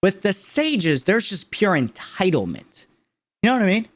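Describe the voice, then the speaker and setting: This high-voiced man talks at normal speed with wildly swooping pitch. He's a streamer reacting to a game character trailer, casual, emphatic and full of slang, repeating phrases for emphasis.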